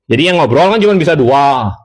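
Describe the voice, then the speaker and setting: Here the same intercom seller speaks a little fast in a high-ish, expressive voice, with slight background noise. He keeps the tutorial chatty and casual, addressing viewers directly and fixing his own slips along the way.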